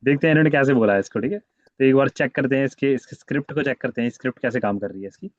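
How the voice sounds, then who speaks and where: A man's voice: mid-range voice, very fast, no echo, muffled recording. A man teaching French in an online class, patiently going over each word again and again. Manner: patient, repeats words many times.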